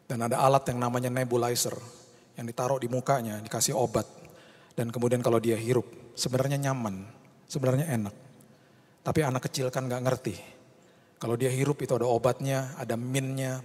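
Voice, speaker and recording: A man's voice: mid-range voice, a little mellow. A male pastor preaching an impassioned sermon, slipping English phrases into his talk and rising to fervent cries. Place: church hall. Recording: long reverb of a large hall.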